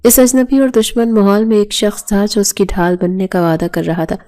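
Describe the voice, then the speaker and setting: Mellow-voiced woman narrating a novel. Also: medium pitch. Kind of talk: scripted narration of a romance novel.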